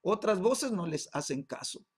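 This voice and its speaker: A man, a pastor, teaching a Bible class, peppering his talk with tag questions and halting repeats. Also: high-pitched, very animated, husky.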